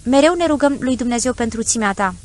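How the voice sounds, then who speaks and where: A woman's voice: fairly high pitch, lively intonation, darkish tone, natural voice. A woman voicing an obsequious, shifty male peasant of about thirty, fawning and evasive in an audiobook story.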